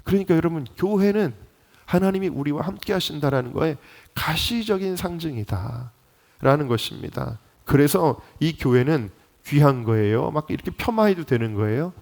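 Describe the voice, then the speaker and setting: A man's voice: fairly high pitch, lively intonation, moderate pace, gravelly, a little mellow. Impassioned male pastor preaching a sermon. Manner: impassioned, rising to emphatic peaks; addresses congregation directly, rhetorical questions. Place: church sanctuary.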